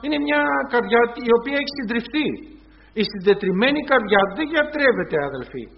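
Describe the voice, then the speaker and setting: High-voiced man preaching a sermon. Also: lively intonation, muffled recording. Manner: retells scenes in quoted voices, addresses congregation as brothers.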